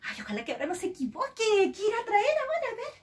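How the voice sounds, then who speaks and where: A woman's voice: extremely high pitch, huge pitch swings, far from the mic. Sing-song woman teaching phonics. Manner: sing-song, drawn-out sounding of letters. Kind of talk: children's phonics lesson.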